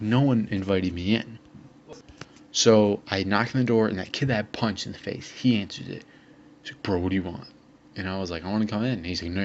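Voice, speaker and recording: A young man casually telling a long personal story, rambling with lots of fillers and quoting what people said. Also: lowish voice. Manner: rambling, filler-heavy retelling with quoted dialogue. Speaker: vlogger. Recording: dull lo-fi sound with faint hiss.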